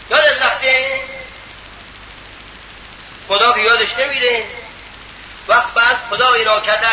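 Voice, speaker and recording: A man preaching a sermon in a very high voice, pressing his listeners with pointed rhetorical questions. The sound is dull and lo-fi, with clear noise behind him. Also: roomy sound. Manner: emphatic, rhetorical questions to the audience.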